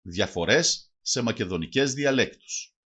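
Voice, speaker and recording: A man reads a vocabulary lesson aloud in a careful, deliberate way. His voice is somewhat husky and rises and falls in a lively way. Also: fairly low pitch. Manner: slow, careful reading of word lists. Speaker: language teacher.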